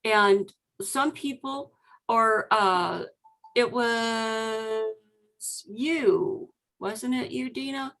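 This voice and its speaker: A woman with a high, bright voice hosts a casual writers' get-together over a video call. She talks in a chatty, easygoing way and leans on little fillers as she thinks aloud. Her tone stays light and sociable. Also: drawn-out words, low-quality recording. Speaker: host of an authors' meeting.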